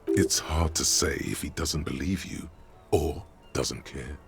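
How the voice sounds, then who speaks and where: An actor narrating a video game in the second person, measured and ominous. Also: male voice, very deep voice, creaky, exaggerated voice. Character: gravelly omniscient male game narrator.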